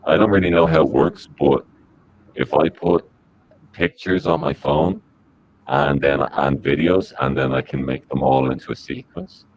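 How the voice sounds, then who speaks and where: A man speaking through a disguised deep voice as a podcast guest, giving rambling, halting answers. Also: slight background noise, rough recording. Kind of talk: comic podcast interview.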